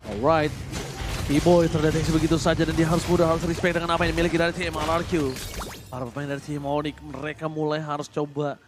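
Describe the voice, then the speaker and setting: An Indonesian man shoutcasting an esports match play-by-play like an excitable fighting game announcer, over noisy live event sound. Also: a little high, fast talker, over music.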